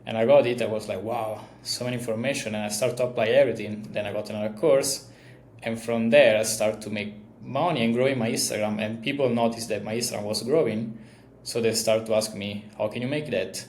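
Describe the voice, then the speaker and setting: Man, strong Italian accent, relaxed interview chat, echoey room. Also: fairly low pitch, fairly quick, slight background noise. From Italy. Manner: relaxed, chatty, with frequent fillers. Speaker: guest, agency founder. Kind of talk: casual interview conversation.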